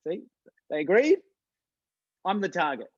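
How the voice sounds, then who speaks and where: A man's voice: high voice, big pitch swings, measured pace, slightly rough, no room sound, muffled recording. Chatty man coaching an online workshop. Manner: casual, chatty, repeats words, restarts sentences, addresses audience directly. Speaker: business coach running a workshop.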